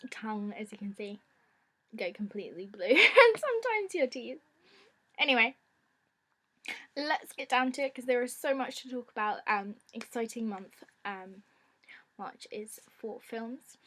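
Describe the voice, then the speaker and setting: A woman with a croaky voice, chatting casually and informally as she presents a film vlog. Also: a little high. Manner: informal, giggly. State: croaky from a lingering ailment. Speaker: film vlogger.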